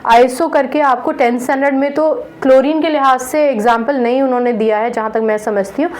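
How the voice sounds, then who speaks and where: A woman's voice: high voice, fairly even intonation, a little mellow, rough recording. A woman teaching a chemistry lesson, patiently walking students through naming compounds and often checking in as she goes. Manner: counts out carbons slowly. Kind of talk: online classroom lecture.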